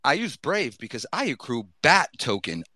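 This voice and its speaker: A man's voice: medium pitch, very animated, moderate pace, pushed and bright, dry recording. A man with a Boston accent hosting a podcast in a casual, slangy, rambling style full of swearing. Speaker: podcast host. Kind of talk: casual, profane hype-man chat. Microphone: gaming headset.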